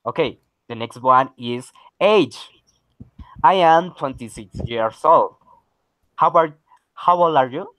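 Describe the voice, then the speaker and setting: A man's voice: mid-range voice, lively intonation, takes it slowly, pauses often, a bit bright, no room sound, rough recording. Encouraging male English teacher. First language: Spanish. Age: 30s. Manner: encouraging, repeats okay and very good. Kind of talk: online English lesson.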